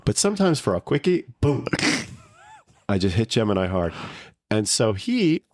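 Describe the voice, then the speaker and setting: A man's voice: lowish voice, big pitch swings, a little slow, darkish tone, no room sound. A middle-aged man co-hosting a podcast, chatting casually in a rambling, joking, self-mocking way. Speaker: podcast co-host. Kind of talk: casual comedic chat.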